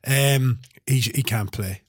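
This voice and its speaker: A man's voice: medium pitch, slow pace, slightly rough, no echo, clean studio sound. A man from Ireland chatting casually as a panellist on a sports podcast.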